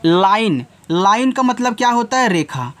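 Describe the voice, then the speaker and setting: Man, children's teacher, slow letter spelling, asks then answers, patient lesson. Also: sits high, sing-song, fairly bright tone.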